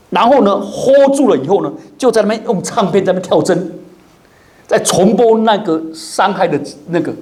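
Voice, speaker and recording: A man preaching an expository sermon in a church, animated, acting out the people he quotes and dropping in English words. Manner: animated, acts out quoted people with big pitch jumps. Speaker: pastor.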